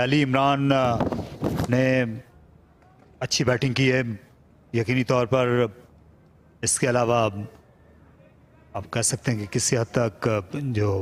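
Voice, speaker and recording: A Pakistani man giving measured live play-by-play cricket commentary in descriptive, formal wording. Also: medium pitch.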